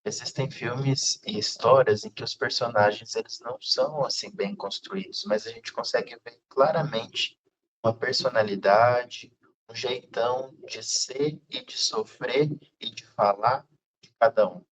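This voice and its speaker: A man hosting a casual film discussion, speaking in a thoughtful, unhurried way with frequent fillers. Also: medium pitch, a bit bright. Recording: slightly dull lo-fi sound.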